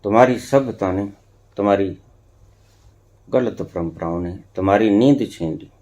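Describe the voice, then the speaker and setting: A man on the low side in pitch, speaking a little slowly, gives a spiritual discourse to his followers. He swings from soft to emphatic and repeats phrases to drive points home.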